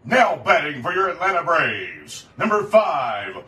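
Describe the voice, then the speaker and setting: A male stadium announcer calling out a starting lineup over a PA system, with a booming, drawn-out delivery of names. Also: sing-song, pushed and bright. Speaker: stadium public address announcer. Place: baseball stadium. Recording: echoey stadium PA from far off with music.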